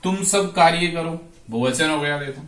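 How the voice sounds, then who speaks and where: This male speaker's voice runs on the high side, fairly bright, at a moderate pace. He gives a slow classroom lesson on Sanskrit grammar, elongating words and repeating verb forms out loud, recorded from a distance in an echoing room.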